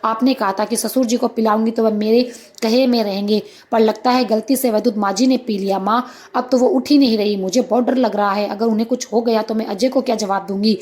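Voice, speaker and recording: Scared guilty young daughter-in-law, woman doing her, anxious and a bit high. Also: steady tone, a little fast, darkish tone, close to an everyday voice. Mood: frightened. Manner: anxious, tearful.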